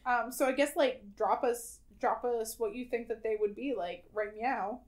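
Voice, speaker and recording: A woman's voice: fairly high pitch, normal speed, darkish tone. A young woman co-hosting a podcast, chatting casually and playfully, giggling often with lots of fillers. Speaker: podcast co-host. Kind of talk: casual chat.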